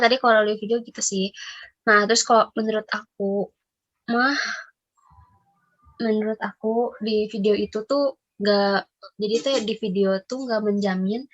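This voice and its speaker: A woman with an Indonesian accent hosting a casual podcast, talking in a chatty, rambling way with lots of fillers. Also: mid-range voice. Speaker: podcast host. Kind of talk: casual reaction chat.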